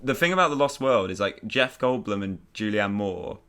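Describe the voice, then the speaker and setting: A young man chatting casually through a film commentary, rambling with halting restarts and quick laughs. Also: fairly low pitch, expressive, bright, forceful tone, clear, resonant tone.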